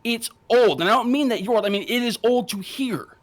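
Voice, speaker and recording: A man's voice: extremely high pitch, fairly quick. A man cutting a confrontational wrestling promo, taunting and swearing. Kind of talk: in-ring promo argument.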